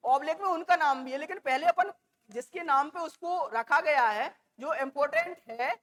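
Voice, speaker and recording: A woman teacher lecturing a class, repeating and dictating key terms slowly and addressing the students affectionately. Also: high-pitched, fairly bright tone. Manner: calls students "beta" and "bachche".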